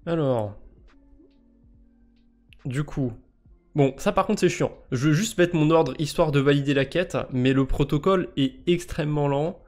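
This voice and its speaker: A man's voice: fairly high pitch, a little slow, long pauses, a little mellow, soft background music. A man with a French accent streaming live, casually commenting on crypto quests, joking and mocking himself as he thinks aloud.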